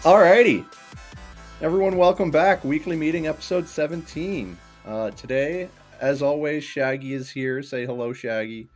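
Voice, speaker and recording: A man's voice: on the high side, moderate pace, few pauses, darkish tone, faint music behind. A young man hosting a casual podcast, chatty and rambling, with plenty of ums and laughs. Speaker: podcast host.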